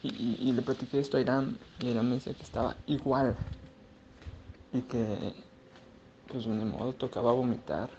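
A man's voice: medium pitch, normal speed, long pauses, dark tone, muffled recording, a little hiss or hum. A queasy young man with a Mexican accent, rambling crudely in a casual video diary. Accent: Mexican Spanish.

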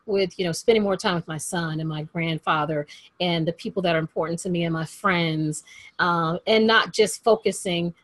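Upbeat woman podcast host, lower voice. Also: normal speed, no echo. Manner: upbeat and chatty, repeats phrases for emphasis. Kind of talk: podcast interview hosting.

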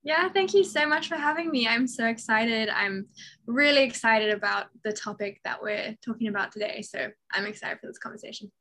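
A young adult woman from South Africa speaks as a podcast guest. Her voice sits somewhat high, and she talks in a relaxed, reflective way with many fillers. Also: brisk. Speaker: guest musician. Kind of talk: podcast interview.

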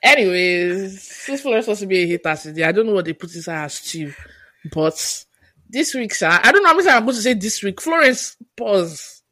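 A woman's voice: medium pitch, sing-song, a little fast, bright, forceful tone, no room sound. A woman co-hosting a podcast in casual chat, playful and teasing, with mock exasperation. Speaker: podcast co-host.

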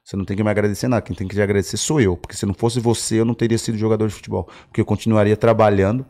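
A middle-aged man, chatting casually on a podcast. His voice sits low, and he talks in a relaxed, earnest way, full of slang. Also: very fast. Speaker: former footballer guest.

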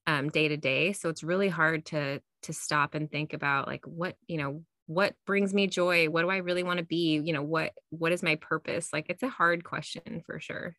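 A woman co-hosting a podcast records on her own podcasting mic inside a small closet at home, keeping the chat casual and self-deprecating. Her deep voice is pushed and bright, fairly even in intonation, at normal speed with few pauses. The sound is studio quality with no echo.

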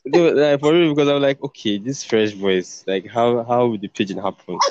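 A man's voice: mid-range voice, a little mellow, dry recording. A man with a Nigerian accent hosting a casual chat, friendly and teasing, often restarting his sentences. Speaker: podcast host. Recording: dull, dry lo-fi audio.

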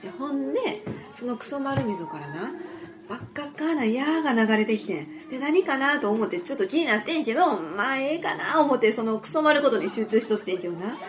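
A frank, excitable young woman from an ancient myth spills her story like neighborhood gossip, in a broad Osaka accent, as a woman reads it out. Her voice sits high and bright with chatty asides throughout. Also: fairly quick, a little hiss or hum. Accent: Osaka Kansai. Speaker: reader. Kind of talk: dramatic first-person reading.

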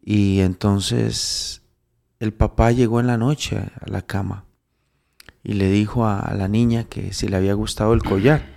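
A man tells a moral story in casual preaching talk, halting and restarting as he goes. He builds into emphatic, raised exhortation. His voice is dark and mellow, with a gravelly edge. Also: on the low side, flat delivery. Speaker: devout storyteller giving spiritual counsel.

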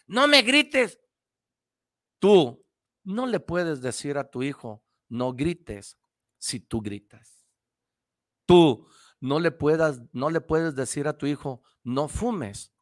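A man's voice: fairly high pitch, no echo, studio quality. A man with a young child of his own, hosting a motivational radio talk, preaching and repeating himself as he addresses the listener directly. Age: adult parent. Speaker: radio host giving motivational advice.

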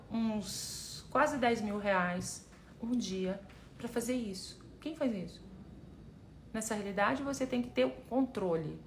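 A woman's voice: mid-range voice, a little hiss or hum. A woman with a Brazilian Portuguese accent giving a motivational live stream as a personal development coach, emphatic and repetitive, calling her listeners "my love".

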